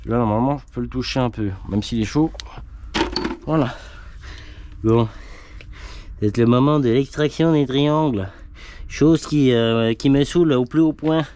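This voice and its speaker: A man's voice: mid-range voice, normal speed, long pauses. A man casually commenting in slangy, chatty talk to his viewers while he repairs a car in a workshop. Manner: slangy, chatty, talks to viewers mid-task. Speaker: amateur mechanic vlogger. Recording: noisy workshop with tool clicks.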